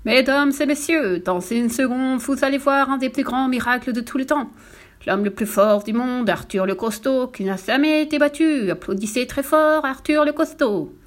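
A woman voicing a pompous, grumpy circus ringmaster who makes slow, showy announcements in a storybook reading. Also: high-pitched, voice pushed up, natural voice. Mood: grandiose.

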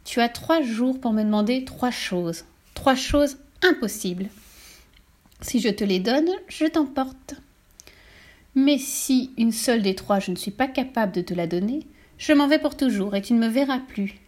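A spiteful old witch from a storybook, her thin, sour voice pitched high and shrill, put on by a woman reading aloud. She mocks and gloats as she sets her trap. Her voice swoops through a wide range. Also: lively intonation, a little slow, a little mellow. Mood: scheming. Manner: mocking, gloating and scheming. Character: spiteful old female witch in a broom cupboard.

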